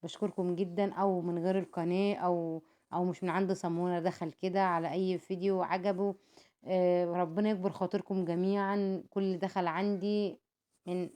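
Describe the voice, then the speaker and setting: A woman's voice: lowish voice, flat delivery, brisk, clear, resonant tone. A woman with an Egyptian Arabic accent, narrating a home cooking vlog in a chatty way. She explains each step, calls her viewers "my dears" and adds prayers for them. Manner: warm and devout, calls viewers "my dears", prays for them often.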